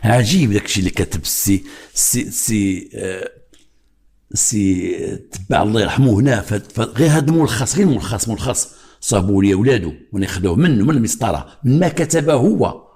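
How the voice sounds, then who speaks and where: An older man with a Moroccan accent tells a true crime story in a quick, rushing delivery. His voice sits low. He builds tension with sudden hushes and imitated heartbeats. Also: animated. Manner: dramatic, mimics heartbeats and pauses. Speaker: retired police investigator.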